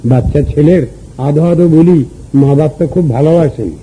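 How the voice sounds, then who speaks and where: An older man from Bengal, a Vaishnava guru, giving a devotional sermon in a measured teaching manner, asking questions and reciting verses. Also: on the high side, mellow, slightly rough, poor audio.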